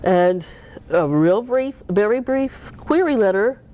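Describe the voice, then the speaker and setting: Animated woman author, swooping pitch. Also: slow pace, muffled recording, a little hiss or hum. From Cape Cod, US. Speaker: author being interviewed. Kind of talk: casual interview talk.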